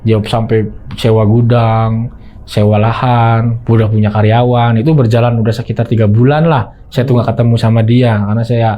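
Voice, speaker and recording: A man's voice: medium pitch, level tone, normal speed, dark tone. A man, telling a personal story to a host in a chatty way. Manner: chatty, often addresses the listener as "bro". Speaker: guest storyteller. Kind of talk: casual storytelling.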